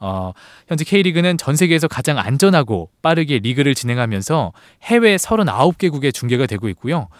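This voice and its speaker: A male sports reporter explaining football league news to a host in a clear, explanatory manner. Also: medium pitch, sing-song, fairly quick, few pauses, no room sound, clean studio sound.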